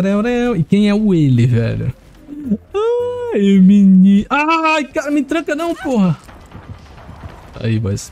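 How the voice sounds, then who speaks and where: A man giving excitable live commentary as he plays a horror game, chatting to his viewers and jumping to high yelps when he panics. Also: creaky. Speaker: streamer playing a horror game.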